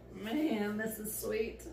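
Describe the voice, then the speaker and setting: A woman's voice: medium pitch, vocal fry, a little mellow. A tipsy, slightly drunk woman reading a story aloud as an amateur, effusive and giggly, stumbling over her words and adding gushing asides. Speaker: fan fiction reader. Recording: echoey room with faint background noise.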